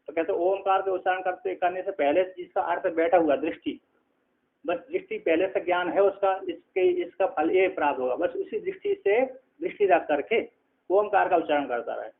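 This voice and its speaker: A man, a spiritual teacher, giving a scripture lecture, explaining slowly with many repetitions and checking in with his listeners. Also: high-pitched, animated, gravelly. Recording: tinny phone-like lo-fi sound.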